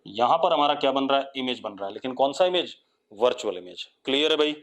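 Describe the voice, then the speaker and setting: In a live online physics class, a man with an Indian accent keeps prompting his students with question after question and pauses for their replies. His voice sits in the mid range and is expressive, and he reads out definitions in English slowly, one word at a time.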